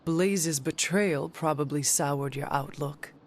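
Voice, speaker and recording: A performer voices a calm, earnest resurrected warrior in a video game, speaking in formal, measured, old-fashioned language that avoids contractions. The voice is medium-pitched, with a little hiss or hum.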